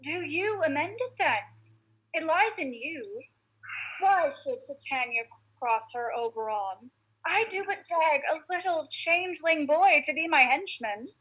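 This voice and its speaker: Girl playing bossy jealous fairy king, hammy stage shakespeare, high sharp voice. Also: expressive, a little slow, low-quality recording. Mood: pressing. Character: imperious, jealous male fairy king Oberon. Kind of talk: Shakespearean verse stage acting in rehearsal.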